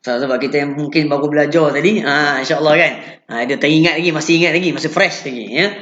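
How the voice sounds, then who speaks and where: A man's voice: on the high side, fairly even intonation, fast, a bit bright, reverberant, lo-fi sound. A man with a Malaysian Malay accent teaching Quran recitation in a live lesson, patiently explaining and then chanting each sound as an example.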